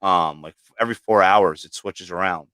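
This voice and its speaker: A man talks loosely about his reptiles, sprinkling in swear words and fillers. His voice is bright and clean, with a crisp edge. The sound is dry, with no room echo. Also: deep voice, brisk. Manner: casual, swears often, many fillers. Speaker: livestream host and snake breeder. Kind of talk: casual chat.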